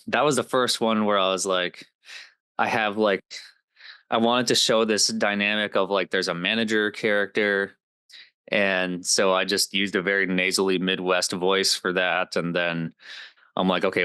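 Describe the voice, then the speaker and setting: A man's voice: low-pitched, sharp tone, smooth, dry recording. A man in his twenties, a comedy creator, chatting casually as a guest, upbeat and rambling with lots of fillers. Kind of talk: casual interview chat.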